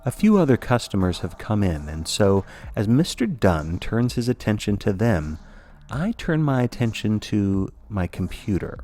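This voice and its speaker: A man narrating a scripted spooky podcast story in a measured, wry manner. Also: fairly low pitch, big pitch swings, mellow, soft background music.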